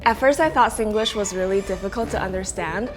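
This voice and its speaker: A woman's voice: medium pitch, brisk. Young woman from Taiwan chatting casually. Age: young adult. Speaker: university student. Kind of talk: casual interview anecdotes. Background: music.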